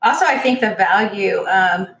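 A woman in her forties from Orange County, co-hosting a podcast, telling stories in a halting, reflective casual chat. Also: medium pitch, fairly bright tone. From Orange County, California. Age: 40s. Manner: reflective storytelling, halting with fillers. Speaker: podcast co-host. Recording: roomy echo.

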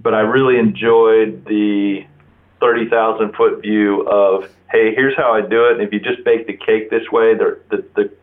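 A man's voice: fairly low pitch, level tone, normal speed. Man chatting casually over a phone line. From Florida, United States. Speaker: interview guest. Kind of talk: casual chat. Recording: narrow-band telephone line.

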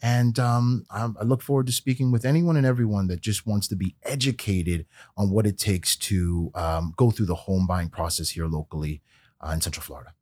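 A man's voice: fairly low pitch, fairly even intonation, a little fast, darkish tone, dry recording. A man appearing as a podcast guest, friendly and a little hesitant. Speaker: guest, real estate agent. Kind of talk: podcast interview.

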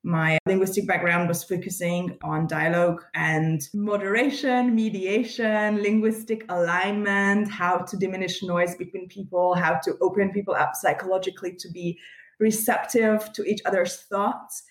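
Low-voiced Hungarian-born woman on a roomy video call. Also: fairly even intonation, normal speed. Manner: chatty, laughs easily, thoughtful explanations. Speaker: guest, community founder. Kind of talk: casual interview over video call.

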